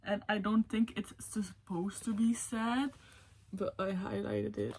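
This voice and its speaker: Female book vlogger, unhurried delivery, rambling and emotional, casual chat. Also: medium pitch, fairly even intonation, darkish tone, slight background noise. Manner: rambling and emotional, lots of "like" and self-corrections. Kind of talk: casual book ranking vlog.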